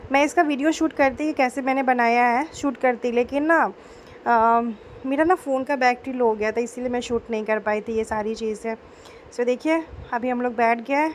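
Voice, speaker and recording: Soft-spoken woman with a sore throat. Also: on the high side, a little hiss or hum. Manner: chatty, homely, mixes in English words. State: sore throat, speaking gently. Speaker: vlogger. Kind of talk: casual voice-over narration. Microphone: voice-over.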